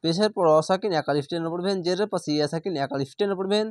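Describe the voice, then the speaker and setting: A man teaching Quran reading, sounding out each word slowly and repeating it before explaining how to pronounce it. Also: high voice, no echo, studio quality. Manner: slow, patient, repeats each word drawn out. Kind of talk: recitation lesson, word-by-word.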